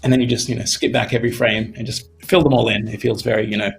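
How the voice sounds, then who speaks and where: In a casual, chatty live-stream, an Australian animation instructor, a young man, talks through a tutorial from his home studio desk mic with plenty of "you know" fillers. His gravelly mid-range voice stays level but moves quickly, sounding worn out. Soft music sits in the background.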